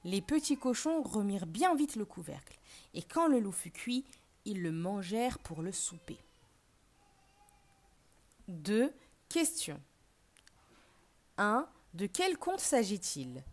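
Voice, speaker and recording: A woman teacher reading a fairy tale aloud for learners, then asking questions and reading a vocabulary list. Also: medium pitch. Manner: clear, deliberate, expressive reading. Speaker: French teacher. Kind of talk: slow storybook narration and vocabulary lesson.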